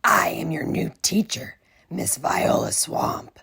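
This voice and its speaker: A woman's voice: lowish voice, lively intonation, takes it slowly, vocal fry, a bit bright, in a whisper, exaggerated voice. A woman voicing a mean, witchy female substitute teacher who hisses and snaps out strict commands for a storybook. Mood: hissing menace. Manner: hissing, snapping, strict commands.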